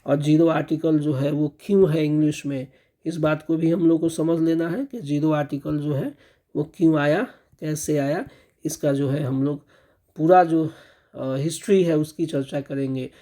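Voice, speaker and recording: A man explaining a grammar lesson in a very dark, mellow voice. He keeps checking that his students follow, repeating the same little check-in phrase. He slows right down to drill example words one at a time. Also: a little high, poor audio. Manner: keeps checking understanding with repeated "theek hai" and "spasht ho gaya". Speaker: English teacher.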